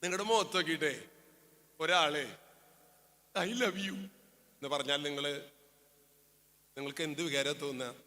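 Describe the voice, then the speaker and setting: A priest preaching to families, telling a story by acting out its dialogue, jumping between loud high bursts and hushed asides. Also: male voice, unhurried, long pauses. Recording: hall reverb.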